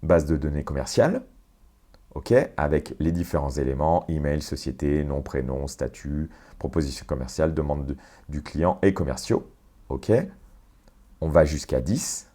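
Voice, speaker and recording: Man, low deep voice, mellow, software tutorial walkthrough, explanatory, hesitant fillers. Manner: unhurried, explanatory, many fillers and self-corrections. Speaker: tutorial presenter. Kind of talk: screen-share software walkthrough.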